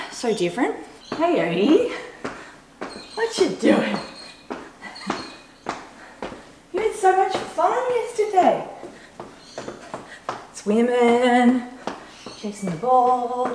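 A young woman chatting casually to a camera a little way off in her home kitchen, as a running vlogger. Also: medium pitch. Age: young adult. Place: indoors, bright home kitchen. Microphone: camera a couple of metres away. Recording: roomy echo, clear background noise.

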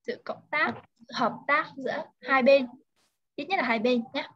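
A woman tutoring a pupil one-on-one in English vocabulary, saying each word slowly and carefully for the pupil to repeat. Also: high-pitched, a bit bright, muffled recording. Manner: slow, careful word-by-word pronunciation modeling.

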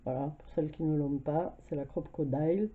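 A French woman with a cold talks through her craft haul, hesitant and full of fillers. Her voice sits fairly low. The sound is tinny and thin, as if over a phone line. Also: brisk, breathy edge. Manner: chatty, hesitant, many fillers. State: has a cold, coughing. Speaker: craft vlogger. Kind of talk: casual haul video. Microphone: camera mic at home.

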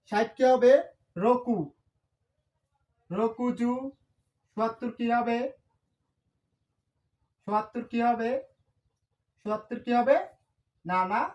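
A woman teaching a beginner language lesson, repeating each number and asking and answering her own questions, with quick self-corrections. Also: on the high side, a little mellow. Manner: corrects herself with quick "sorry". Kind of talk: whiteboard lesson explanation.

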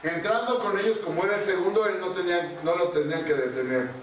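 A priest telling a parable in a colloquial sermon to a group, often asking the listeners. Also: male voice, high-pitched, quick pace. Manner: storytelling, colloquial, asks the audience. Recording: echoey room, far from mic, faint noise.

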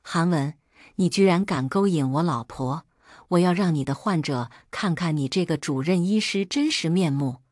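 A woman's voice: fairly low pitch, moderate pace, dry recording, clean studio sound, close to an everyday voice. A woman voicing a raging, jealous husband. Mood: angry. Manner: shouting insults. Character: violent jealous husband, young adult man.

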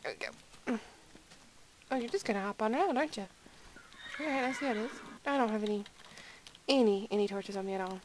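A woman's voice: on the high side, brisk, long pauses, background noise. A sleepy woman giving rambling, giggly, self-deprecating gameplay commentary at home late at night. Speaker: gaming video creator.

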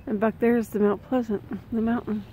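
A woman's voice: on the high side, flat delivery, a little fast, warm tone, slight background noise, poor audio. A middle-aged woman filming a casual family vlog outdoors on a handheld phone, chatty, laughing often and calling out to the kids. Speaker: family vlogger. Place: outdoors on a neighborhood walk.

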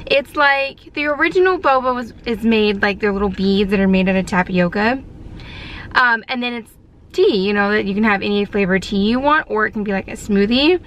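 A woman chatting casually to her camera in a vlog, lively and rambling, out and about on a hot day. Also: mid-range voice, fairly quick, dull audio, slight background noise. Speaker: vlogger.

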